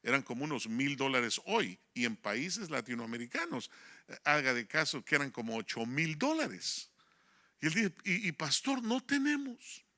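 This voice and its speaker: A man's voice: mid-range voice, moderate pace. A man preaching a sermon as a pastor, telling a personal story, acting out dialogue and calling listeners "brother". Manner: storytelling, animated, acts out dialogue, addresses listeners as hermano.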